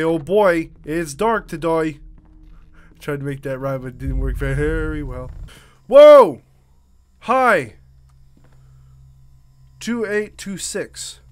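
A man's voice: fairly high pitch, clear, resonant tone. A man in his thirties with a Canadian accent, giving jokey, reactive let's play commentary with swearing. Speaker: gaming YouTuber. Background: game music.

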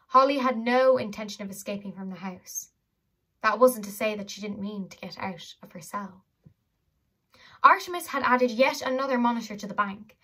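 A woman reading a children's fantasy novel aloud with lively, dramatic narration. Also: on the high side. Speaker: audiobook reader. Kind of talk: storybook narration.

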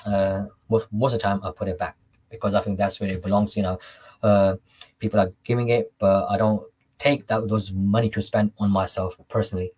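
A man's voice: on the low side, darkish tone, slightly rough, poor audio. A young man answering interview questions in a conversational way, often repeating and restarting his words. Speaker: interview guest, devotional singer. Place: small room indoors on a video call.

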